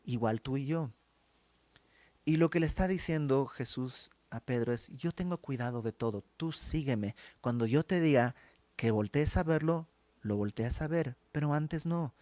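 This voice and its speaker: Lively man teaching the Bible. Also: a little high, dry recording. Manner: conversational, acts out dialogue of the text. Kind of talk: verse-by-verse Bible study.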